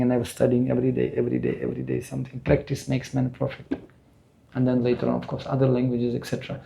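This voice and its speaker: A Russian man in his sixties gives an earnest spiritual lecture in Russian-accented English to an audience at a temple. His medium-pitched voice is gravelly and mellow.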